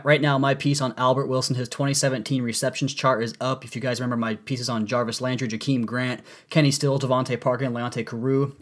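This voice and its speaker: Male sports podcaster, rapid pace, sore swollen-tonsils throat, congested strained voice, cold, eager analysis. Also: mid-range voice.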